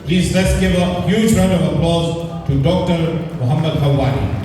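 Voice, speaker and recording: A man's voice: fairly high pitch, normal speed, a crowd in the background. A man presenting at an event, formally introducing the next speaker. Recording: echoey hall, distant mic, noisy.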